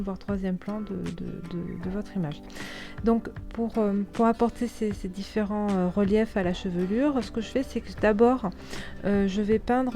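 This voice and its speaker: Woman, mellow voice, halting casual tutorial voice-over, faint music behind. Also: medium pitch. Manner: hesitant, many fillers and restarts. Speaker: scrapbooking tutorial host.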